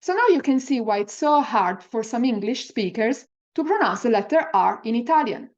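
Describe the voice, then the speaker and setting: Woman language teacher, rolled R drill, lively intonation, encouraging, deliberate example words, slightly lo-fi recording. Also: fairly high pitch. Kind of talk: pronunciation lesson with slow, repeat-after-me example words.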